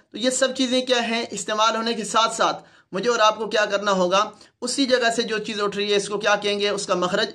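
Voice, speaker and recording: In an online lesson, a Quran teacher with a Pakistani Urdu accent shows how to pronounce letters, speaking close to the mic. His high voice has a bright edge, and he patiently repeats each sound to demonstrate it.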